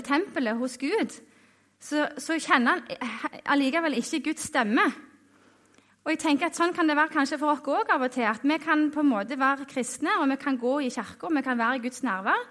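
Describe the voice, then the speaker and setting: High-voiced woman giving a hesitant sermon. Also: a bit bright. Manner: hesitant, many fillers and restarts. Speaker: lay preacher.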